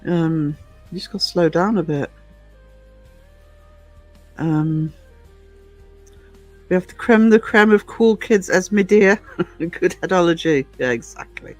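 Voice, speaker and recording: A woman's voice: on the low side, takes it slowly, long pauses, faint music behind. A woman in her fifties chatting casually with viewers on a livestream, rambling and chuckling often. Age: 50s. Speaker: livestream host.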